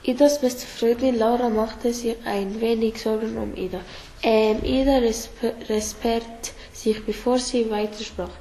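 A woman reading a children's story aloud, halting and stumbling over words now and then. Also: on the high side, fairly even intonation, dark tone. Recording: roomy echo, faint background hiss.

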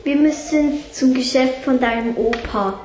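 Eager curious girl read by a woman, high voice, plain storybook reading. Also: measured pace, darkish tone, reverberant, faint music behind, rough recording.

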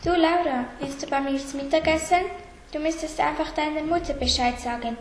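A woman reading a young schoolgirl, high and bright. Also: fairly even intonation, normal speed. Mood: eager. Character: eager, then sad schoolgirl. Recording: roomy echo, faint background hiss.

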